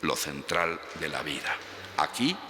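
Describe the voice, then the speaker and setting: A man leading Mass as a priest, speaking solemn, measured homily and prayer in a large, echoing church. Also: rumbling low, noisy background. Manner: solemn, measured, devout phrasing. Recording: echoey church with long reverb.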